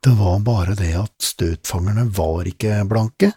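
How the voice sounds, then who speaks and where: A man voicing a shrewd, observant young kid in an audiobook, who explains things in a measured way. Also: fairly low pitch, mellow, husky, no echo, clean studio sound. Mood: reasoning. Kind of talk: audiobook character voice.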